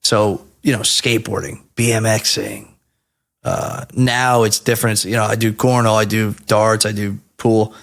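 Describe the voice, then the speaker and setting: A man in his thirties from New Jersey, telling stories as a podcast guest in a casual, animated and profane way. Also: fairly low pitch, normal speed, vocal fry.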